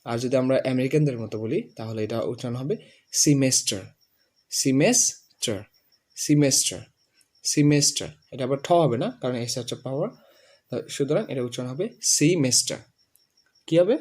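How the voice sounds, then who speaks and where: A man teaching English pronunciation, saying each word slowly and over and over for a student to copy. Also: mid-range voice, lively intonation, darkish tone. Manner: repeats words slowly, drilling the student. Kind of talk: pronunciation lesson.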